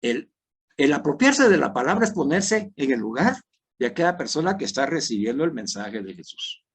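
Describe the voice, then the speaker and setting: Husky man leading an animated meditation. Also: on the high side, normal speed. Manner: dramatic, swings loud and soft, acts out the crowd. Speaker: parish group leader. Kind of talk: guided scripture meditation.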